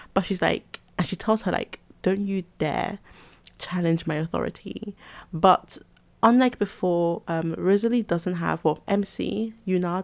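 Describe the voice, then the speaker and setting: A woman recaps a story in a relaxed, chatty way, with plenty of fillers and restarts. Her voice sits a little low and carries a gravelly fry. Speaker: webcomic recapper.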